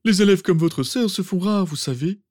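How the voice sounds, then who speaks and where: A man voicing a pompous, sentimental old male wizard professor, with theatrical, drawn-out exclamations. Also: high voice, darkish tone, no room sound, studio quality. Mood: fussing. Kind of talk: fan audiobook reading.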